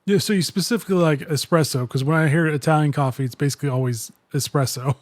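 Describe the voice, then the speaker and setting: A man with a fairly high voice hosts an interview podcast. He reads the intro like a script and then asks short, plain questions. The recording is dry and close, with no room sound. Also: fast, no echo. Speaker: podcast host.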